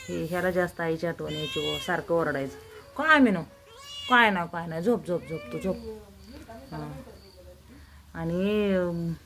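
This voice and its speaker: A woman's voice: lowish voice, a little hiss or hum. A woman showing her pet cats at home in a casual vlog, cooing and calling to them in a sing-song voice.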